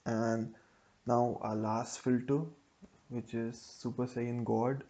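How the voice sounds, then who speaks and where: A man's voice: mid-range voice, little pitch movement, mellow. A man hosting a coding tutorial, thinking aloud as he types out code step by step. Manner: slow, thinking aloud while typing code.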